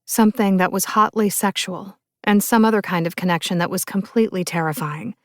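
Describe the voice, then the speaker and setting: A woman's voice: medium pitch, a little fast, no echo, studio quality. Young woman narrating a romance. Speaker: audiobook narrator. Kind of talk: first-person romance narration.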